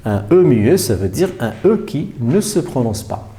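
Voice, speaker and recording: A male primary school teacher explains spelling rules patiently, one step at a time, with many examples. He repeats the key points and often pauses on hesitation fillers. His voice is warm and relaxed, and his pitch moves a lot. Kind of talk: remote French spelling lesson.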